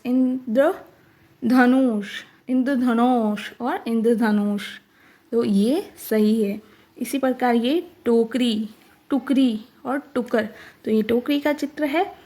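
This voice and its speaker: A woman teacher walks through a workbook at an unhurried pace, slightly high in pitch. She sounds out each word carefully, one at a time. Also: dark tone. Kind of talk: explaining a workbook.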